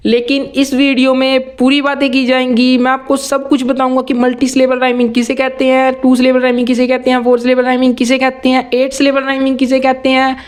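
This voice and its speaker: This man's voice is very high, monotone and smooth as he explains rap writing in a relaxed tutorial. He frequently repeats words slowly to split them into syllables, and he drops English terms into his Hindi.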